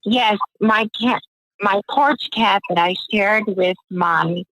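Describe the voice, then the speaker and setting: A woman's voice: mid-range voice, slow pace, fairly bright tone, no echo. An older woman from Houston, Texas, calling in over the phone and asking her question in a hesitant, apologetic way with many restarts. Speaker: caller. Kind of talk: call-in question to a psychic. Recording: muffled phone line.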